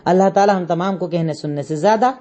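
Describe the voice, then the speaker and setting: A woman teaching an Islamic lesson, retelling a prophet's story with lively storytelling and rhetorical questions. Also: fairly low pitch. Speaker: religious teacher.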